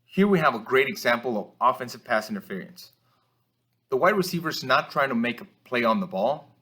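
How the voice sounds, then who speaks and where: Over game footage, a man gives instructional film-review commentary in a mid-pitched voice. He is measured and explanatory, pausing slightly as he works through each point like a coach teaching officials, and his delivery is expressive, pushed and bright.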